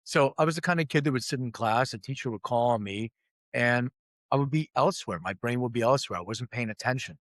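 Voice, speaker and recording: A middle-aged man, a company CEO originally from Lithuania who was raised in Philadelphia, talks fast at a medium pitch as an interview guest. He narrates his life openly and self-deprecatingly, acting out quoted voices. There's no echo on the recording.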